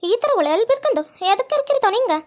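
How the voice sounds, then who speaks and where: Cartoon village girl, complains sharply, North Karnataka accent, high and rapid. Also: very animated. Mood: indignant. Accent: North Karnataka Kannada. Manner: complaining, indignant. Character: young village woman, indignant at being whistled at.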